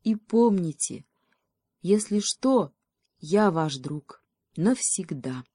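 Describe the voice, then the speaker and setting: A woman's voice: on the low side, expressive, slow, dark tone, breathy edge, no echo, studio quality, full character voice. A woman voicing an earnest, loyal young male beaver who pleads with his friends. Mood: grateful.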